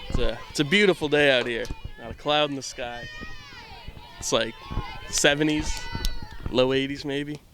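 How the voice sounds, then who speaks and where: Young man doing casual headset commentary outdoors, rambling and offhand, mid-pitched. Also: moderate pace, pauses often. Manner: rambling, self-deprecating, offhand. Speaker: camera operator and commentator. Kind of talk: casual live sports commentary. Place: outdoors at a softball field.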